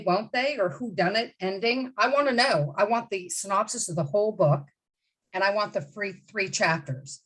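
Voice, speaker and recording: A woman's voice: fairly low pitch, husky, low-quality recording. Direct, emphatic woman in her fifties. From Bahamas. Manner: direct and emphatic, with many asides and restarts. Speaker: literary agent, guest. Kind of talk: interview answers.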